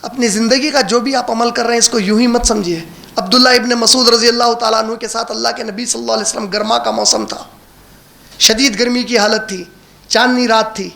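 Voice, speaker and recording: A man giving an impassioned religious talk, rising to emotional emphasis and dropping low to tell stories. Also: fairly even intonation, a little fast, gravelly, sharp tone. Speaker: Islamic preacher.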